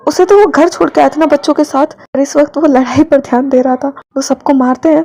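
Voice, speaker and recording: A woman storyteller narrating a fan fiction story in a steady, plain reading manner. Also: high-pitched, brisk.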